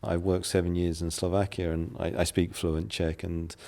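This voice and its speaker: Pauses and an occasional filler mark the measured, businesslike answers of this middle-aged English guest, a property developer. He speaks from England in a very low, gravelly, dark and mellow voice that barely moves in pitch.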